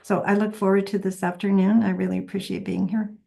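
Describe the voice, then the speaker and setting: A woman, an academic panelist giving a measured self-introduction on a video call. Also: medium pitch, flat delivery, creaky, mellow.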